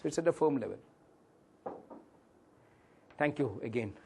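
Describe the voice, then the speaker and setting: A man's voice: mid-range voice, lively intonation, measured pace, creaky, a little mellow, slight background noise. A man with an Indian English accent teaching a valuation workshop, whose voice cracks at times; he calls the listeners sir and drops into Hindi phrases. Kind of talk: classroom lecture with audience questions.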